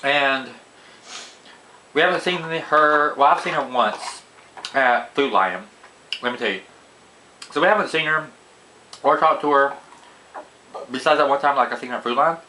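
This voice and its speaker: A young man telling a casual story to camera, voice jumping up high when he quotes himself. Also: normal speed, pauses often, bright, forceful tone, rough recording. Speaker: vlogger. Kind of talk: casual story time while eating.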